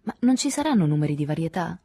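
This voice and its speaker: A woman's voice: low-pitched, sing-song, fast, mellow, slightly rough, no room sound, heavily acted. A woman reading the part of an anxious woman in love, pleading and tearful, in an audiobook. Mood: restless.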